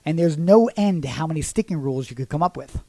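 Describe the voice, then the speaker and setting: This drum teacher's voice sits on the high side, and he speaks quickly with no echo around him. Keeping the lesson casual, he talks through concepts conversationally and voices accent patterns as "ta."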